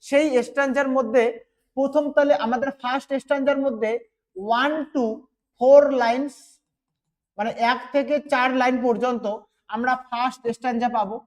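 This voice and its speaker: In an exam-prep literature lesson, a woman teacher explains things step by step, repeats key points, and reads English phrases slowly. Her voice is high-pitched with fairly even intonation.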